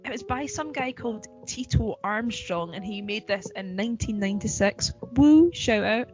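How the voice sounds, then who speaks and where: A woman's voice: mid-range voice, moderate pace, lo-fi sound, soft background music. A woman co-hosting a podcast in casual chat, talking in a chatty, giggly way with lots of fillers. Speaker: podcast co-host.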